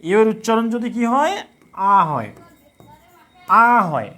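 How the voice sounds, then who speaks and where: Man, high voice, grammar teacher, live online class, repeats every question and answer. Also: huge pitch swings, measured pace, sharp tone. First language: Bengali. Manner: repeats questions and answers himself, drilling students. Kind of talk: live online class, reading chat comments.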